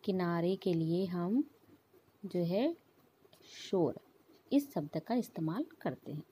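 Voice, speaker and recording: Slow, soft-spoken woman teacher. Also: on the low side, animated, a little hiss or hum. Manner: slow, patient explaining with repeated examples. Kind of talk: English phonics lesson.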